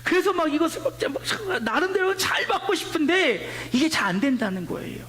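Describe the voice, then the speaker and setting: A man's voice: extremely high pitch, very animated, fairly quick, fairly bright tone. A male pastor preaching a Friday night sermon in church, speaking straight to the congregation and acting out what people said. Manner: addresses the congregation directly, acting out quoted dialogue.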